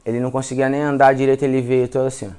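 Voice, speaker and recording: A man's voice: mid-range voice, very fast, smooth. A man with a Brazilian Portuguese accent, a physiotherapist giving a casual live class, telling patient stories and acting out the dialogue. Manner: animated storyteller, acts out dialogue, repeats words. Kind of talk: casual spoken lesson with case stories.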